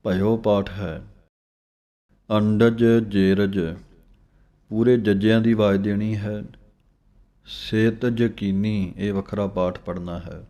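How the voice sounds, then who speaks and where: A man teaching scripture recitation. He chants verses slowly with pauses and gives plain spoken instructions on pronunciation. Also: fairly low pitch, fairly even intonation, warm tone.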